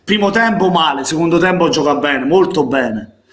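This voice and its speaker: A man with a Neapolitan accent, a passionate football fan calling a live match, going hoarse as he shouts encouragement. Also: a little high, normal speed, roomy sound. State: losing his voice. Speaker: fan streamer doing live match commentary. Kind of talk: excited live football watch-along commentary.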